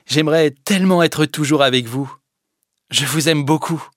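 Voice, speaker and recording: A man reading an audiobook, voicing a sickly, clingy young village man who speaks softly and plaintively. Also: a little high, moderate pace, dry recording, studio quality, pitched above the performer's own voice, close to an everyday voice. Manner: plaintive, soft-spoken. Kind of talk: audiobook character voice.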